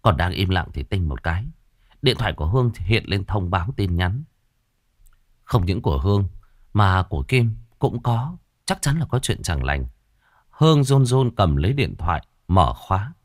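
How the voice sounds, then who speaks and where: A man narrating a horror story, dramatic and expressive. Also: sits low, moderate pace, no room sound, clean studio sound.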